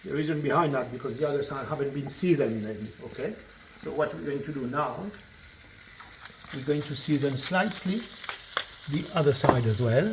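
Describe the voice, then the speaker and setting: French-accented chef demonstrating a dish. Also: male voice, mid-range voice, moderate pace, background noise. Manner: chatty, repeats words, relaxed explaining. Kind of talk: cooking demonstration. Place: kitchen at the stove. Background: sizzling frying pan.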